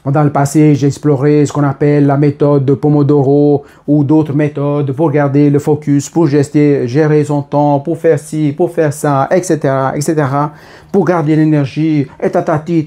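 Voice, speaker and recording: A man's voice: fairly high pitch, level tone, normal speed, warm tone. A man in his thirties talking casually and spontaneously to camera, rambling with many fillers and restarts. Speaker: vlogger.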